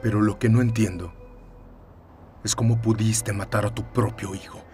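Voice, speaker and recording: An actor dubbing a calm man who questions and steadies a distraught father in a TV drama. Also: lowish voice, moderate pace, faint music behind, lightly acted. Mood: firm. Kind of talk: dubbed TV drama.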